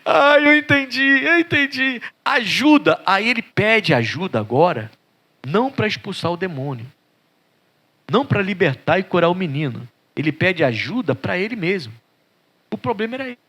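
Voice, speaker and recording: A man's voice: high voice, sing-song, normal speed, a bit bright, breathy edge. A male pastor with a Brazilian Portuguese accent preaching a sermon, dramatically acting out the voices of biblical figures and rising to pleading cries.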